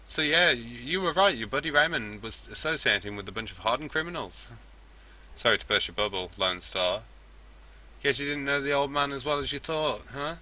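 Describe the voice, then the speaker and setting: A woman's voice: low-pitched, a little fast, few pauses, bright, forceful tone, voice pushed up. A man voicing a blunt, mocking female dwarf rat charmer in a game read-through.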